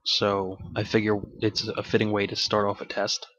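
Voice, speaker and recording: A man's voice: fairly low pitch, monotone, normal speed, fairly bright tone. A man hosting a gaming channel, talking casually over gameplay in a rambling, offhand way with casual swearing, on a desk mic that picks up the game audio. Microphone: desk microphone with game audio bleeding in. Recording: dull, dry home recording.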